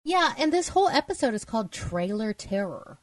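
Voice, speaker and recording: A woman's voice: on the high side, sing-song, fairly quick, no echo, far from the mic. A woman hosting a podcast, recapping a case in a chatty, storytelling way with casual fillers. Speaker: podcast host.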